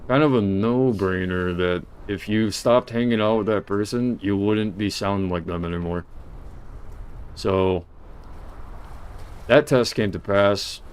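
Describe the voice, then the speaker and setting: A man with a fairly low voice talks casually on a live stream. He meanders, trails off and restarts his sentences as he thinks aloud, sometimes turning to address someone off camera. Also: fairly even intonation, measured pace, pauses often, clean tone. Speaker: livestreamer. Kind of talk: casual rambling livestream monologue.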